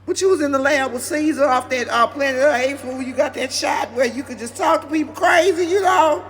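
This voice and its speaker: High, bright-voiced male comedian. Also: brisk, soft background music. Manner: rambling, chatty, addresses audience directly. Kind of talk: comedic storytelling monologue.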